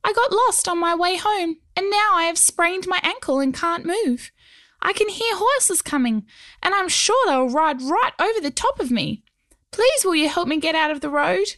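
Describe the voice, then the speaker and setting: A woman voicing a tiny, gravelly male stone goblin in a storybook reading, polite but cheeky. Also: very high voice, expressive, moderate pace, a bit bright, voice pushed up. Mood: pleading.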